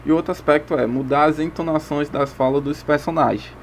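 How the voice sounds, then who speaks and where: A man's voice: on the high side, fairly even intonation, brisk, slight background noise. A male teacher with a Brazilian Portuguese accent gives a recorded video lesson, explaining step by step and often checking in with "ok?" and "tá certo?".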